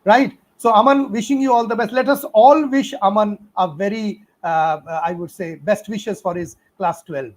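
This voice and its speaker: On a live stream, a middle-aged Indian physics teacher answers his students in a voice that sits high, at normal speed with few pauses. His style is chatty and supportive, like a father giving advice, with many laughs and filler words.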